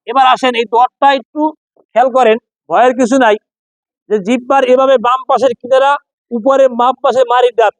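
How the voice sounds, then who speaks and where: A man's voice: very high voice, no room sound, poor audio. A man teaching pronunciation to a class, repeating sounds and quizzing students in call-and-response drills. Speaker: Quran reading teacher.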